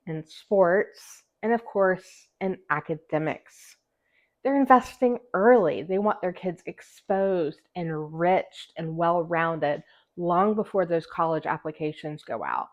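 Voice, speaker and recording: A woman's voice: on the low side, highs cut off. A woman with a slight lisp from wearing a retainer, hosting an emphatic, scripted advice vlog for fellow musicians. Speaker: host, music teacher and musician. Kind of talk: scripted direct-to-camera vlog, encouraging advice.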